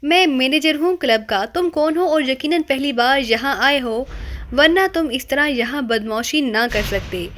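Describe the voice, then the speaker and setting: A woman's voice: high voice, fairly bright tone. A woman voicing a harsh, blustering middle-aged male club manager who barks orders, in an audiobook reading. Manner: harsh, commanding.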